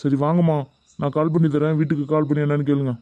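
A man voicing a strict middle-aged college lecturer in an animated cartoon, scolding students and demanding answers. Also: fairly high pitch, quick pace, no echo, narrow, tinny audio, natural voice. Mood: stern.

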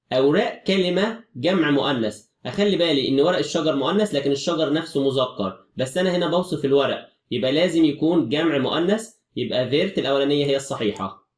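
A man's voice: fairly high pitch, roomy sound, distant mic. A man with an Egyptian Arabic accent teaching a French exam review, explaining each answer step by step.

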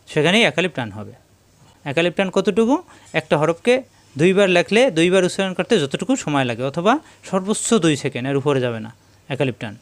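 Man slowly spelling out recitation syllables. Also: on the high side. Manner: spells syllables letter by letter, then draws out whole words slowly; patient, repetitive drilling. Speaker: Quran recitation teacher. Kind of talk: slow spelling-out tajweed lesson.

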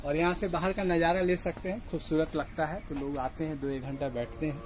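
A man's voice: a little high, flat delivery, fairly quick. A man in his forties explaining a farm outdoors, speaking patiently and pointing things out, recorded close up on a phone camera. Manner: patient, points things out and keeps saying "look". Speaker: farm guide. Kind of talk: explaining a farm on a walking tour. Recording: clear outdoor noise behind.

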